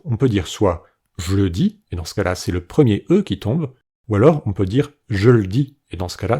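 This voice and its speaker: A man giving a scripted educational narration about linguistics, explaining clearly and saying sample phrases aloud to show how they sound. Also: on the low side, dark tone. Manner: clear explanatory delivery, demonstrates pronunciations.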